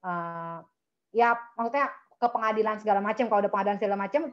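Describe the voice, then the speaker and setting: Fast-talking chatty woman giving testimony. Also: on the high side, lo-fi sound. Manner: chatty, emphatic, often addresses listeners as friends. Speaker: speaker at a prayer meeting. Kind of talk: personal testimony talk.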